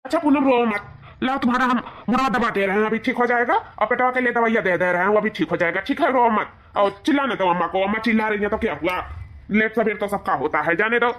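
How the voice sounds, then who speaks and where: A woman's voice: a little high, quick pace, fairly bright tone, close to an everyday voice. Woman playing a timid doting young husband. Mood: soothing. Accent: Bhojpuri-flavoured Hindi. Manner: soothing to his wife, stammers when scared. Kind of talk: cartoon voice acting.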